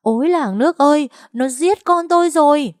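A woman voicing a frightened old mother who cries out for help in shrill wails. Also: normal speed, no room sound, clean studio sound, lightly acted. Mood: wailing. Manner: shrill wailing.

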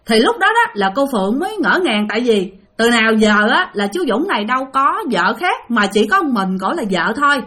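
A woman's voice: a little high, sing-song, a little fast, few pauses, bright, forceful tone. A woman with a Southern Vietnamese accent, chatting to listeners as she retells ghost stories they sent in. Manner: chatty, addresses listeners directly. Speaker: storyteller.

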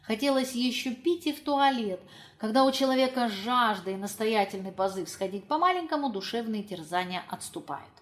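A woman narrating a literary audiobook in a measured, expressive storytelling manner. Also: on the high side.

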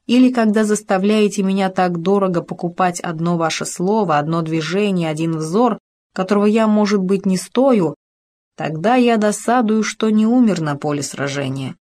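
A woman's voice: fairly low pitch, darkish tone, natural voice. A woman voicing an ardent young male officer in an audiobook, reading his lines with impassioned pleading.

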